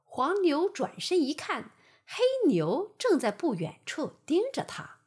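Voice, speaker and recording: A woman narrating a bedtime fable with a gentle, expressive storytelling manner. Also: high-pitched, takes it slowly.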